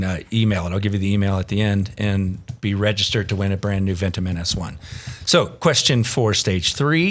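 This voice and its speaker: A man co-hosting a podcast, reading trivia and giveaway details in a relaxed, breezy casual chat. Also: lowish voice. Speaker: podcast co-host. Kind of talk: casual chat with promo reads.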